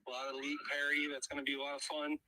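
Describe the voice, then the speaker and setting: A man's voice: on the high side, completely flat delivery, very fast, sharp tone, no echo, poor audio. A man out of breath, sharing his betting pick in a casual chat. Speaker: guest bettor.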